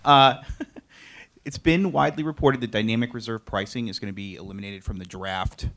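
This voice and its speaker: A man's voice: fairly low pitch, fairly even intonation, moderate pace, a bit bright. A man, a trade-press reporter, asking a question from the audience in a casual, joking tone.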